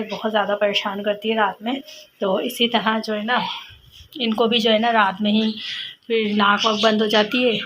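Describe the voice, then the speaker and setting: A young woman with a sore throat, chatting casually while cooking at home for her family vlog, rambling with many fillers. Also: on the high side. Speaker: family vlogger. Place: home kitchen. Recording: loud background noise.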